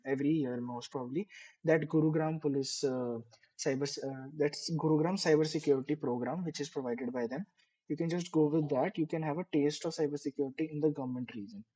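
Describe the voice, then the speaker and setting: Casting: male host, slightly higher voice, hesitant and filler-heavy. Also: dark tone, rough recording. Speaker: community session host. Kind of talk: online mentoring session.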